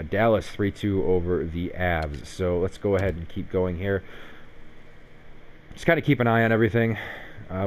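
Young guy doing casual game commentary, kinda low voice, sarcastic and swears a lot. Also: smooth. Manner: frustrated, sarcastic, swears freely. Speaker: gaming YouTuber.

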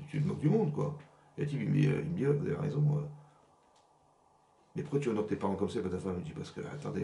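Rabbi, male, gravelly, low-pitched, quick delivery; teaching a class in an echoey room. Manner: animated, asks "vous avez compris?" often. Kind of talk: religious lesson to women. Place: rented workshop room.

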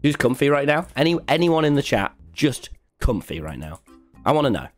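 Guy streaming a game, really lively up and down voice, swears a lot, bit of music behind. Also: medium pitch, brisk. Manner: animated, sweary, exclaims and gasps. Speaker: livestreamer playing a game. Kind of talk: excitable game stream chatter, talking to chat. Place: indoors at a computer.

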